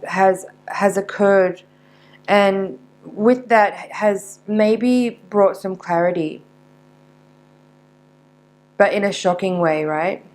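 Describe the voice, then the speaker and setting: A woman giving a mystical horoscope tarot reading, unscripted, in a searching, halting manner with repeated words. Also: medium pitch, low-quality recording. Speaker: tarot reader.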